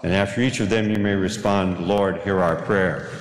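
A middle-aged priest leads worship in a measured, solemn cadence, his voice ringing through a large, reverberant church. There is a steady layer of background noise under the recording. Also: low-pitched. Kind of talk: leading a church service. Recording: echoey church hall with noise.

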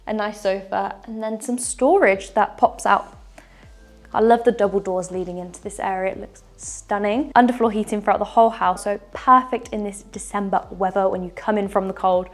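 Speaking at normal speed in a steady, medium-pitched voice, a young woman narrates an upbeat tour inside a large furnished house. She walks through it enthusiastically, gesturing along the way, with a lapel mic picking her up.

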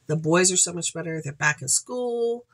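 Sounding congested, this haul vlogger in her forties talks to camera from a shelved room in her home as channel host. Her voice is fairly low with lively intonation at normal speed, a little hiss or hum underneath, and her manner is chatty and rambling with cheerful asides.

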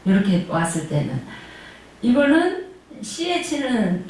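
A woman's voice: on the high side, big pitch swings, a little slow, darkish tone, far from the mic. A woman teaching Chinese pronunciation in an online lesson, drilling tones aloud and asking her class questions she answers herself. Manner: demonstrates tones and sounds aloud, sometimes singing them. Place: classroom of a senior welfare center. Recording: very echoey room, voice from afar, faint noise.

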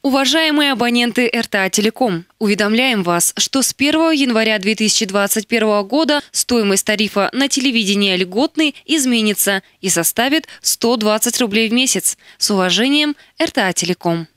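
A woman's voice: on the high side, lively intonation, fairly quick, few pauses, fairly bright tone, no room sound. Woman reading announcements, dry sound. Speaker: announcement reader. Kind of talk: read-out public announcements.

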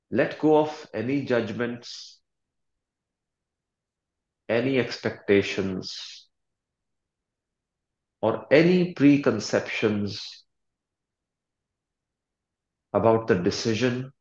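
In a lo-fi, roomy recording, a meditation coach with a lowish voice guides listeners, offering soothing instructions in a calm, deliberate manner broken by long pauses.

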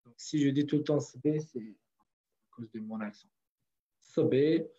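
A man's voice: medium pitch, takes it slowly, warm tone. A man from northern Kurdistan teaching a language class online, patiently repeating words for his students. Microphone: video call. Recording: dull lo-fi online call audio.

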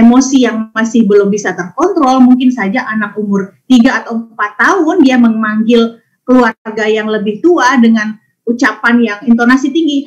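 A woman giving a parenting webinar talk over a video call, explaining step by step through numbered points. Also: fairly high pitch. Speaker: parenting educator. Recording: dull lo-fi webinar audio.

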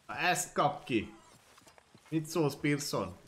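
A man's voice: on the high side, very animated, a bit bright. A man streaming a game and commenting casually, joking, swearing and chatting to his horse and viewers.

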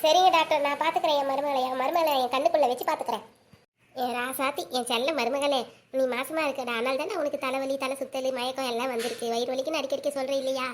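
A very high, bright, quick voice belongs to a fussy village mother-in-law, played by a woman. She nags and dotes in the same breath, in a homemade comedy skit. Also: fairly even intonation, slight background noise. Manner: scolding, then fussing over her daughter-in-law.

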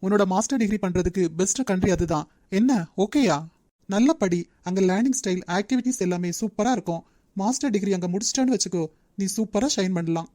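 In a Tamil cartoon dub, a woman voices a young male company manager who is strict and demanding, lecturing briskly at a quick clip. Her mid-range voice is dark and mellow and lightly acted, recorded close and dry with no room sound.

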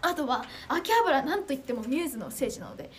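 Reading viewer comments during a casual livestream, this high-voiced teen girl from Chiba, Japan, is an idol trainee. Her chatter is quick, bubbly and animated, with a self-deprecating streak, and faint hiss sits behind her.

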